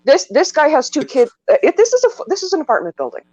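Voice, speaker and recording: A man's voice: very high-pitched, huge pitch swings, fast, lo-fi sound, a crowd in the background. A man hosting a casual podcast chat from his apartment, rambling and repeating words as he tells a story. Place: apartment at home.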